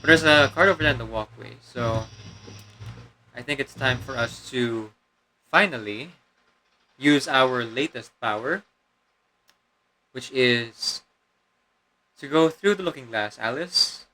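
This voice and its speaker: A man's voice: medium pitch, slow pace, pauses often, sharp tone, rough recording. A man doing a put-on demon voice while casually commenting on a game he is playing, rambling with many fillers. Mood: playful. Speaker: let's play gamer.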